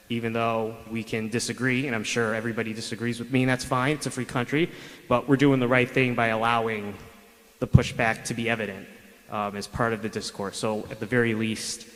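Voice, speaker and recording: A man whose voice sits on the low side yet sounds a bit bright makes a combative, pointed remark during public comment at a school board meeting. The podium microphone feeds the PA in a reverberant city chamber.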